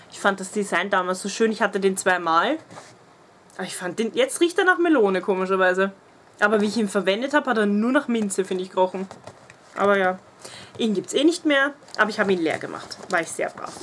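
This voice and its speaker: A beauty vlogger in her twenties with a Viennese accent does a casual empties review in a small room at home, gushing about beauty products she's used up and laughing often. Her voice is mid-range, with slight background noise.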